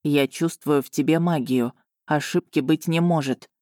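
A woman's voice: low voice, steady tone, moderate pace, a little mellow, no room sound, clean studio sound, natural voice. A woman reading an audiobook voices a stern, commanding male dragon with a curt, clipped manner. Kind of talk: audiobook character voicing.

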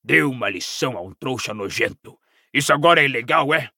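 A gravelly, tense old bully snarls and sneers through each slow, drawn-out line, as a male audiobook reader puts him on. His voice sounds sharp and strained, close and dry in a small booth. This is storybook villainy, spat out with contempt. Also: mid-range voice, lively intonation, no room sound, full character voice. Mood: contemptuous. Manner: snarling, mocking, slow and menacing. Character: coarse, hostile old pure-blood father.

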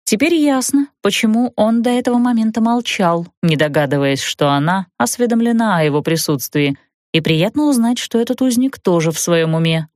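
A woman narrating a fantasy audiobook in an even storytelling manner. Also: medium pitch, moderate pace, no echo, clean studio sound.

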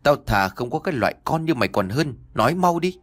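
A man voicing a furious middle-aged father who berates his daughter in rapid, threatening bursts, in an audiobook reading. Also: lowish voice, lively intonation, fairly bright tone. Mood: enraged.

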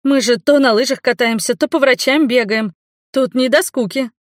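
A woman's voice: sits high, moderate pace, no room sound, studio quality, voice pushed up, close to an everyday voice. A woman voicing a flustered, defensive young woman in an audiobook. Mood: indignant. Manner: indignant, flustered. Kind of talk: audiobook character voice.

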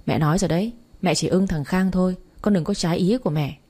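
A woman's voice: on the low side, fast talker, darkish tone, breathy edge. A woman voicing a stern middle-aged mother who scolds and commands. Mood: scolding.

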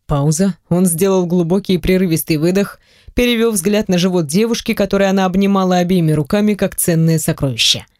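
An audiobook reader narrating a first-person story in an even, storytelling manner. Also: mid-range voice, brisk, dry recording, studio quality.

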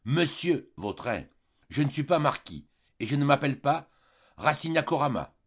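Étudiant raide et indigné, joué par un homme, son terne et voilé. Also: male voice, fairly high pitch, very animated, moderate pace, breathy edge, dull audio, voice pushed up, exaggerated voice. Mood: indignant. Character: proud indignant young male student.

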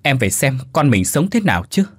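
A man's voice: medium pitch, very animated, brisk, husky, dry recording, voice pushed up. A man voicing a remorseful woman's ghost who weeps and stammers apologies.

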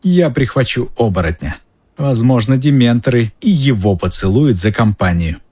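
A man's voice: medium pitch, lively intonation, moderate pace, husky, pitched above the performer's own voice. Snape: a man doing a hissing, sneering schoolmaster. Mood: cold contempt. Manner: hissing, sneering, bursts into shouting. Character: cold, venomous male schoolmaster, hissing.

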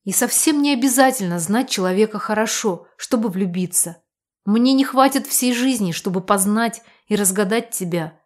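A woman's voice: mid-range voice, moderate pace, a little mellow, lightly acted. A woman voicing a passionate, protective young man in love, speaking earnestly in an audiobook. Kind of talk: audiobook character reading.

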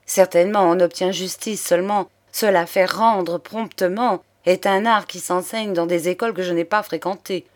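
A woman's voice: on the low side, steady tone, moderate pace, few pauses, close to an everyday voice. Woman reading an old count, fatherly and earnest, lots of exclaiming, audiobook. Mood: troubled. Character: elderly aristocratic count, grieving, energetic father.

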